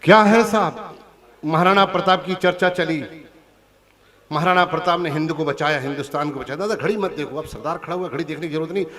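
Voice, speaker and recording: A stand-up comic poet from Punjab performs hasya kavi sammelan stage comedy at a poetry gathering, teasing the audience in a chatty way. His voice is fairly high and fairly quick, with a long reverb tail and crowd noise around him.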